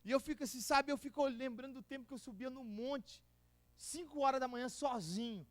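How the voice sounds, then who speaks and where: A man with a São Paulo accent, preaching a lively testimony sermon and acting out the people in his story in slangy street talk. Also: very high voice, a little fast, dry recording. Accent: São Paulo Portuguese. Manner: animated storytelling with slang and acted-out quotes. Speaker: pastor.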